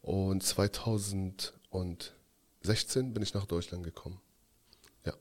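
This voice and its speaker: A man's voice: low-pitched, fairly even intonation, slow. A young man from Afghanistan, a podcast guest telling his story in a hesitant, reflective way with many fillers. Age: 20s. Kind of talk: casual interview talk.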